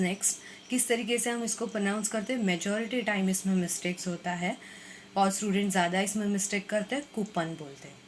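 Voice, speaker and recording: Slow, careful woman teaching pronunciation. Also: medium pitch, slight background noise. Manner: slow, drawn-out repetition of model words. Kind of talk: Hindi-English mixed lesson.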